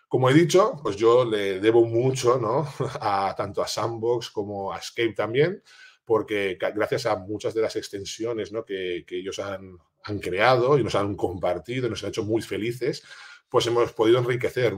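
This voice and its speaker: Chatty man, lowish voice. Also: normal speed. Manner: informal, with many fillers like ¿vale? and ¿no?; restarts and repeats words while thinking aloud. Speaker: teacher. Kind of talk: explaining a classroom project in a talk.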